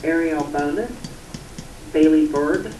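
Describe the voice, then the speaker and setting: A mellow, formal voice comes through a school intercom loudspeaker, heard from across an echoey classroom with faint background noise. It reads a list of names slowly and politely, like a standard office announcement. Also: mid-range voice, distant mic. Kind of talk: formal public address announcement.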